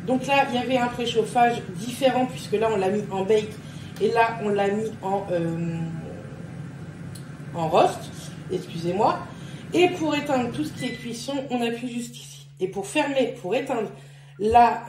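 A slightly high-voiced woman walks viewers through a kitchen appliance in a relaxed, chatty way, full of fillers and little self-corrections. Her voice echoes in a roomy space with a faint ambient hum behind it. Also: unhurried. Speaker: beauty and lifestyle vlogger. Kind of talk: casual product demonstration.

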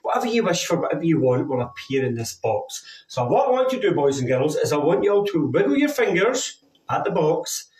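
A man's voice: a little high, sing-song, brisk, a little mellow. A man in his fifties with a Scottish accent, talking to children as a kids party magician, coaxing and repeating himself. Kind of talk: kids' party magic show patter, addressed to children. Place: indoors, living room with stage backdrop. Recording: roomy echo, distant from microphone.

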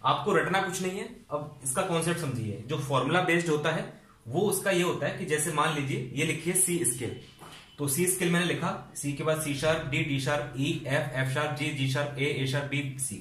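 A man's voice: on the high side, normal speed, fairly bright tone, roomy sound. A man patiently explaining music theory, going over points again and checking that his students follow. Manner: patient, repeats and checks understanding. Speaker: music teacher.

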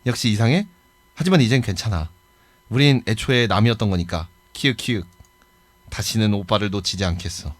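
A man voicing an obsessive, lovesick young girl from a horror game, reading her lines softly with a clingy, unsettling sweetness. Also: lowish voice, expressive, fairly quick, no echo, pitched below the performer's own voice. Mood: sinister. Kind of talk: reading game dialogue aloud.

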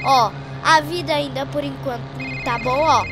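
Very high-pitched, panicky Brazilian woman gamer. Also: moderate pace, noisy background. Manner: excitable, exclaiming, panicking gamer. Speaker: gaming channel host. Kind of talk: excited gameplay commentary.

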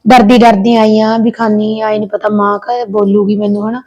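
In a village short film, a woman plays the childless elder daughter-in-law, an older sister-in-law in a family drama who pours out her worries in long, earnest, pleading, complaining runs. Her worried, caring voice is mid-range, fairly even in pitch and moderately paced, a little mellow and close to everyday speech. The recording is rough and the talk feels like heartfelt chat.

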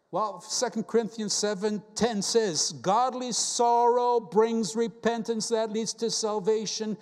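A man's voice: high voice, darkish tone, in a large hall. A man preaching a sermon as a guest preacher, earnest and full of rhetorical questions as he quotes scripture. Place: church sanctuary.

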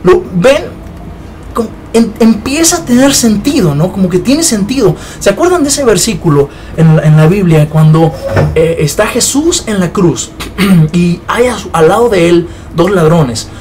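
A man's voice: sits high, expressive, moderate pace, a little mellow, slight background noise. A man giving an informal Bible teaching, talking conversationally and often checking in with his listeners. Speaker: preacher.

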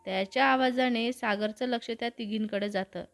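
A woman narrating a romantic story in a steady storytelling manner. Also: a little high, moderate pace, faint music behind.

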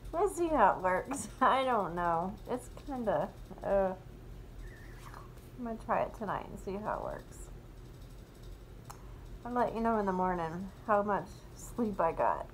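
A woman's voice: mid-range voice, very animated, takes it slowly, pauses often, a little hiss or hum, poor audio. A woman chatting casually for her vlog while talking through a face mask, self-deprecating and laughing often. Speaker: vlogger.

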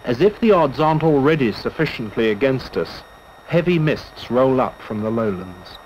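A man's voice: medium pitch, lively intonation, darkish tone, slight background noise. Male nature documentary narrator, dull old-film sound. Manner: measured, literary storytelling in first person. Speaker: documentary narrator and expedition member.

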